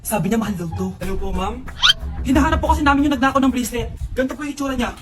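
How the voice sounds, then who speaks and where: A woman's voice: on the high side, very fast. A woman performing short comic skits, switching between exaggerated character voices. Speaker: sketch performer playing many parts. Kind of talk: comedic skits, acting all roles. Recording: music playing behind the voice.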